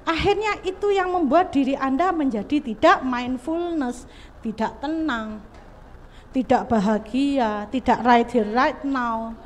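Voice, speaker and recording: A woman psychologist giving an animated seminar talk to parents and teachers, often speaking to the audience directly. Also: high voice, measured pace. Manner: animated, mixes in local dialect, addresses audience directly. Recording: echoey hall reverb.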